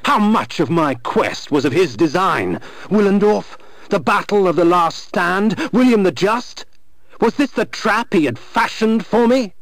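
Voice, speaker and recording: A man's voice: sits high, animated, a little slow, fairly bright tone, no echo, heavily acted. An actor playing a proud, bitter vampire nobleman, narrating a video game in an eloquent, theatrical way. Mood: bitter, brooding.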